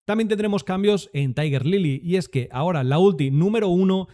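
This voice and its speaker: Talking fairly quickly in a high-pitched, dark-toned voice, a young Spaniard who makes gaming content walks his viewers through a game update in an upbeat way.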